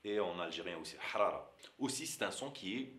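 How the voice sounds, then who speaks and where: Lively, bright-voiced teacher. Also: male voice, deep voice, reverberant. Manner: repeats sounds and words slowly for learners. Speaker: Algerian Arabic teacher. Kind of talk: pronunciation lesson.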